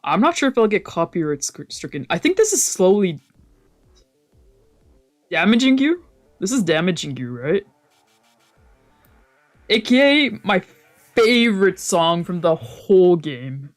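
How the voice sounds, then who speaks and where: Faint music plays behind a man whose high voice swings widely in pitch, moving a little slowly with frequent pauses. He streams a visual novel, reading aloud and commenting informally as he reacts, swears, trails off and corrects himself.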